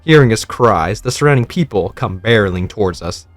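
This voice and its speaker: Male narrator reading a game story, animated pitch, soft music underneath. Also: fairly quick, no echo. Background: faint music.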